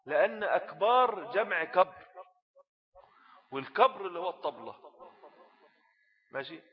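Male Egyptian teacher, slightly high voice, explains an old text in a casual way, dull lo-fi recording. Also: expressive, moderate pace. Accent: Egyptian Arabic. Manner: explains text in colloquial asides, often asks rhetorical questions. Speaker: religious teacher. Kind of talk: Islamic jurisprudence lesson.

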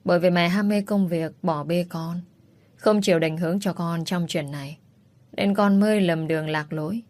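A woman voicing a protective middle-aged mother who speaks to her daughter in a soft, pleading way in a storybook reading. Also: fairly low pitch, normal speed, lightly acted. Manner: pleading, emotional, soft-spoken.

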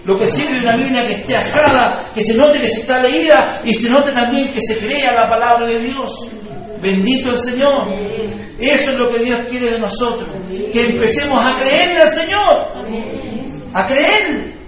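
High-voiced pastor in echoey church. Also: male voice, moderate pace, crowd noise. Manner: conversational preaching with rising fervor, frequent "¿me entiende?". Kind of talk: sermon. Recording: echoey room, voice from far off mic.

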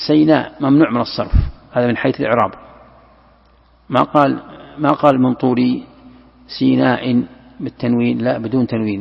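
A male religious teacher lectures with a heavily gravelly, husky voice, walking through each point and answering his own questions. The recording is dull and lo-fi, with a long reverb from a large hall. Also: medium pitch. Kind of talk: classroom lecture commentary.

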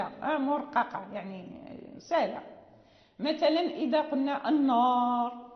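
A woman with a high voice teaches recitation and articulation, explaining patiently and reciting examples slowly. Her voice rings through a large hall with a long echo tail. The recording sounds dull and lo-fi. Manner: explains step by step, checks students with short "yes", recites examples slowly. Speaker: Quran recitation and tajweed teacher. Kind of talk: classroom lesson on letter articulation.

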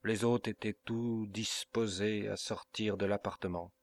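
A man narrating a classic novel as an audiobook reader, reading slowly and evenly. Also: lowish voice. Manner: slow, even reading.

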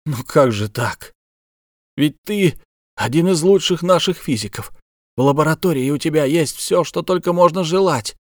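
A man's voice: on the high side, moderate pace, no echo, studio quality, pitched above the performer's own voice, lightly acted. A man voicing a stern, insistent official in an audiobook, pressing with hard questions.

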